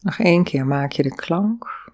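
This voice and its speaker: Speaking slowly in a low voice, a woman guides a breathing and body exercise. Between calm instructions she hums long, resonant vowel sounds.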